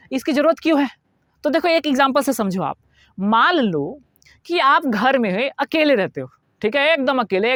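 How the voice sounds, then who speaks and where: A man's voice: very high voice, a bit bright, dry recording, studio quality. A man teaching a lecture, explaining step by step, repeating key words and asking his students questions. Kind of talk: classroom lecture.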